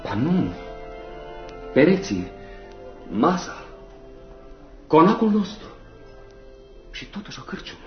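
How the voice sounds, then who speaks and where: An actor playing an anxious, brooding young soldier in a radio play, musing and sometimes whispering. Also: male voice, fairly high pitch, sing-song, pauses often, faint music behind. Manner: brooding, shifts to hushed whispers and loud outbursts. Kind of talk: radio drama acting. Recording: dull lo-fi radio recording.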